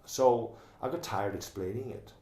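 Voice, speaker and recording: A man's voice: medium pitch, a little slow, a little mellow, reverberant. A middle-aged man from Donegal with an Irish accent, talking earnestly in an oral history interview and often restarting his sentences. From Ireland.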